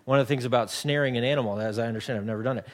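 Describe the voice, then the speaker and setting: A man around forty delivers a sermon in an easygoing, conversational way. His voice sits at a middle pitch, and he often stumbles into repeated words. He works everyday stories into the preaching. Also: racing. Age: 40s. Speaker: pastor.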